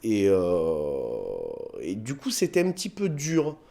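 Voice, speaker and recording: Slow and lowish, this man's voice has a southern French lilt. He's a comedian in an informal interview, animating his anecdotes by acting out lines of dialogue and sprinkling in plenty of fillers.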